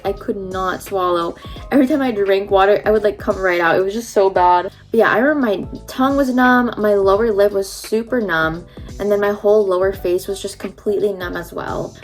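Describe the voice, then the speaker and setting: A young woman talks in a casual, chatty vlog style after having her wisdom teeth out. Her slightly numb mouth gives her a light lisp, and her voice sits at an average pitch. Faint music plays behind her. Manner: chatty, informal, frequent "like".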